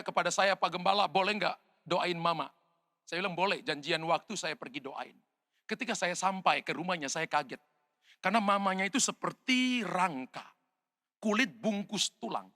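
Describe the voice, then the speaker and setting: A man with an Indonesian accent preaches a sermon, telling stories in a high, sharp voice. He keeps turning to the congregation with "saudara." His voice rings out with a long reverb in a church hall. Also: vocal fry. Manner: storytelling, addresses the congregation as "saudara". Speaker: pastor.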